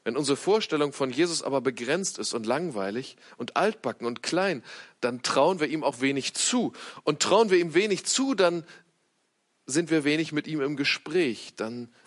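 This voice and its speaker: A man preaching a sermon to an audience, humorous and animated, telling stories with lively asides. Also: a little high, normal speed. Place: lit stage before an audience.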